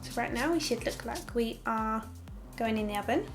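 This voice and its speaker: A woman's voice: fairly high pitch, normal speed, music in the background. A young woman talking through a makeup tutorial in a casual, candid way, with sarcastic asides.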